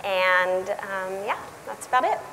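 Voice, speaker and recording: A woman's voice: mid-range voice, expressive, takes it slowly, bright, forceful tone, slight background noise, low-quality recording. A woman business owner introduces herself on a panel at an event. Her voice sits in a middle range and she talks in a casual, easygoing way. A faint ambience hums behind her. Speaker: vintage rental business owner. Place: event hall.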